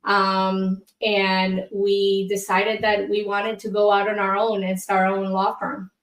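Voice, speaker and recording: A woman's voice: mid-range voice, completely flat delivery, a little slow, roomy sound. A woman from Colombia, an immigration attorney, talking candidly as a guest in an interview with frequent fillers. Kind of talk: casual interview.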